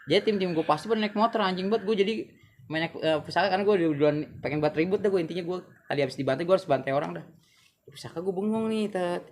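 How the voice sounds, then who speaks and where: A young man, a guest telling a story in a casual interview, animated and full of street slang. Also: high-pitched, fast. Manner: animated slangy storytelling, acts out quoted voices.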